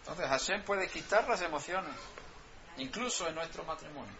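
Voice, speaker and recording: Delivering a sermon at normal speed, a preacher whose first language is Swedish leans on emphatic repetition and questions aimed at his listeners. His voice is bright, forceful and a little high. The sound is dull and lo-fi, with faint ambience and a little hiss or hum.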